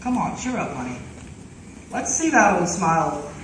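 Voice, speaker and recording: A teenage girl playing a smooth-talking gambler fiancé, slangy and wheedling, on a school stage. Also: lowish voice, very animated, moderate pace. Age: teens. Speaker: student actor in school musical. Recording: echoey stage from far off, room noise.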